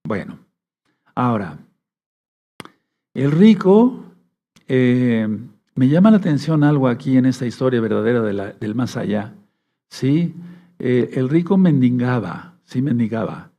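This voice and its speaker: A man preaching a Bible study sermon, reading verses aloud slowly and often checking that his listeners follow along. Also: medium pitch, big pitch swings, creaky, mellow. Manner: reads scripture aloud slowly. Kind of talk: sermon teaching.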